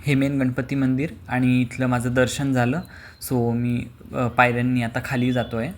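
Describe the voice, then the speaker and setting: A man narrating his travel vlog as a calm, even tour guide, with occasional hesitant fillers. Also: mid-range voice, moderate pace, noisy background. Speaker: vlogger.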